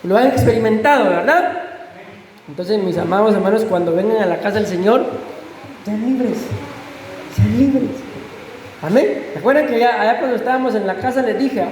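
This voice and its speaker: A man's voice: sits high, moderate pace, pauses often, a little mellow, slight background noise. A man preaching a fervent sermon as pastor, often asking his congregation questions. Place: church sanctuary. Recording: echoey church hall with faint ambience.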